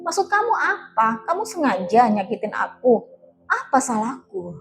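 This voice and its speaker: A woman voicing a hurt, bitter married woman who fires sharp, reproachful questions. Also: fairly high pitch, big pitch swings, moderate pace, noisy background.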